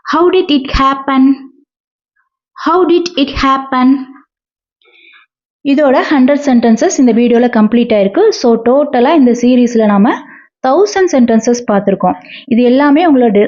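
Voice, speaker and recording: A woman teaching English, reading each sentence and repeating it slowly and with careful enunciation. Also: sits high, darkish tone. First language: Tamil. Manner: slow, deliberate, clearly enunciated repetition. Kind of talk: language lesson, sentences read and repeated. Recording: dull lo-fi recording.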